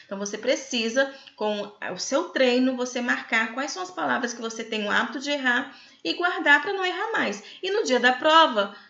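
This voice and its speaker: A woman's voice: sits high, fairly quick, gravelly, pushed and bright. A middle-aged Brazilian woman with a Brazilian Portuguese accent, explaining a lesson to students in a chatty way and often checking that they follow. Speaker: writing teacher. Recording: echoey room, slightly dull sound.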